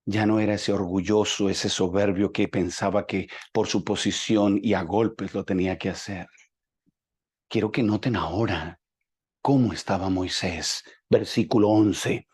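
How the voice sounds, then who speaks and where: A man preaching a sermon as pastor, acting out the dialogue with dramatic swings from soft to loud. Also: fairly low pitch, steady tone, measured pace, husky.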